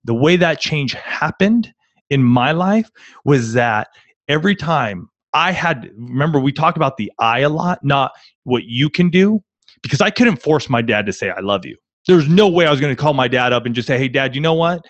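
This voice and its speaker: A man's voice: mid-range voice, expressive, normal speed, no room sound, dull audio. A man co-hosting a live online marriage coaching session, telling a personal story earnestly and often repeating his words.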